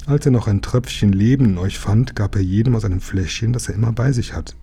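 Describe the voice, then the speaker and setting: A man reading aloud, voicing a friendly, proud young mermaid princess in a gentle, earnest way. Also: on the low side, brisk, slightly rough.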